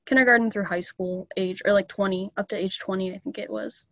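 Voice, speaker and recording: A woman's voice: medium pitch, steady tone, fairly quick, a bit bright, muffled recording. A young woman casually explaining things to a club meeting, chatty and loose with ums and small laughs, over a video call. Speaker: student club presenter.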